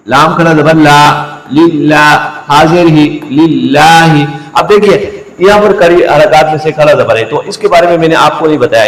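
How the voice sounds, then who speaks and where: A man teaching Quran reading rules at a board, explaining patiently step by step and slowly chanting each word. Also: fairly high pitch. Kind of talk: tajweed lesson at a board. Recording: echoey room, mic at a distance.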